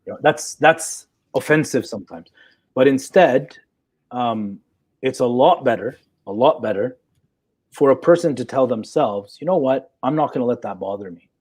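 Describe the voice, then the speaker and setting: A man's voice: mid-range voice, expressive, normal speed, a little mellow, husky. A man in his forties, a psychologist in a live chat, talking assertively and checking in with "okay?" as he explains. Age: 40s. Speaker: guest psychologist.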